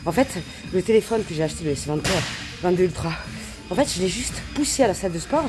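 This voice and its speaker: A woman's voice: on the low side, lively intonation, fast talker, over music. A young woman vlogging at home in a slangy, ranting, swearing style, sick with a cough. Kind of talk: casual chat to camera. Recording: noisy with clicking sounds.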